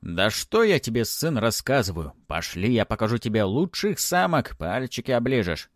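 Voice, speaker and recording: A man voicing an ancient male mummy lord, gruff, bawdy and commanding, in a storybook reading. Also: medium pitch, sing-song, normal speed, no echo, studio quality, close to an everyday voice. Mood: gruff bragging.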